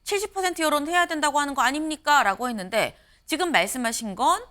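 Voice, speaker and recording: A woman news anchor runs a studio political panel and reads poll figures in a brisk, clear way. Her voice is bright and high, and its pitch moves a lot. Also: lively intonation.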